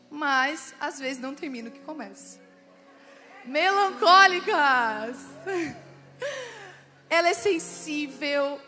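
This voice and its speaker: A woman with a Brazilian Portuguese accent preaching to a women's church audience, chatty and animated, speaking straight to the crowd. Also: high-pitched, big-room sound. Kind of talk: lively church talk to women.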